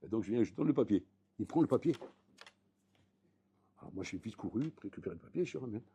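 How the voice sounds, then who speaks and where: A man giving a Torah class as a rabbi, telling stories with acted-out voices and building up to loud, emphatic peaks, often calling out to his listeners. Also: lowish voice, quick pace, a little hiss or hum. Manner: lively storytelling, acting out voices, rising to loud emphatic peaks; French mixed with Hebrew terms, repeated address to the audience. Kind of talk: storytelling Torah lesson.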